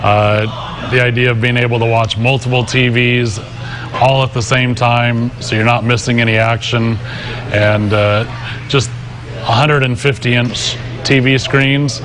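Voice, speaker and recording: A man's voice: mid-range voice, flat delivery, measured pace, over music. A middle-aged man giving a casual promotional interview from a sports bar, speaking hesitantly and easily. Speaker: restaurant representative, interview guest. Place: sports bar, remote link. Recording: noisy busy sports bar ambience.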